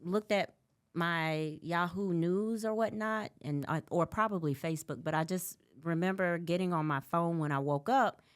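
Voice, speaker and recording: Woman, from Birmingham, podcast guest, casual, low-pitched, animated. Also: moderate pace, smooth. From Birmingham, Alabama. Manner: laughs easily, animated storytelling. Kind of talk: casual conversation.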